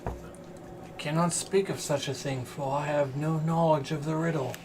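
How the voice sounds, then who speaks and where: A man voicing a blinded, imprisoned ancient angel in a tabletop role-play, speaking in slow, formal pronouncements. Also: fairly high pitch, steady tone, natural voice. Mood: grave, solemn. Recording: room recording with faint background noise.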